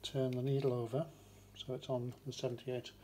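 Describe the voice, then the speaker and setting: Indoors beside a wooden radiogram, a man demonstrates a vintage record player step by step in short, matter-of-fact phrases. His medium-pitched voice is flat and moderately paced. Clear background noise with mechanical clicks runs through the recording.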